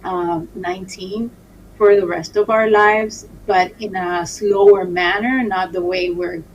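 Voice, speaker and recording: A woman from Colombia, answering interview questions as a doctor, halting with many fillers and restarts. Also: medium pitch, steady tone, muffled recording. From Caribbean Colombia. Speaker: infectious disease doctor, guest. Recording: distant mic with faint noise.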